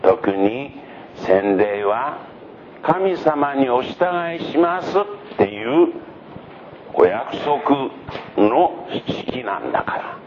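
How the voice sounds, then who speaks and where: A man voicing a calm, patient male teacher who speaks gently and in a measured way, in a muffled lo-fi recording with background noise. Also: medium pitch, pitched above the performer's own voice, heavily acted.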